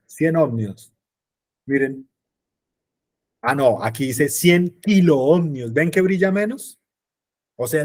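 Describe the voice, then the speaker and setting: A man teaches a class in a relaxed, conversational way. His voice sits at a middle pitch. He keeps checking in with quick questions to his students. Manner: chatty, checks in with frequent rhetorical questions. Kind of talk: online class explaining circuits.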